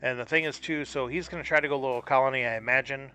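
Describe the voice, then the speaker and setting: A man's voice: medium pitch, steady tone, fast, pushed and bright, clean tone. A man streaming a card game live, thinking aloud and puzzling over his opponent's moves in casual commentary.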